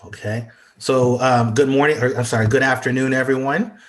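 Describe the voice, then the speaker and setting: A man from the United States, congested from allergies, gives an online presentation as a guest speaker over a video call. His voice is mid-range and steady at a normal speed, but he sounds hesitant and fills his speech with lots of ums and uhs.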